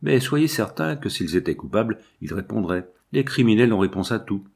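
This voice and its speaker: A man's voice: fairly low pitch, expressive, normal speed, gravelly, a little mellow, breathy edge, exaggerated voice. A man reading aloud and voicing a blunt, outspoken old farm servant woman who scolds. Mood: pleading. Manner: brusque, scolding.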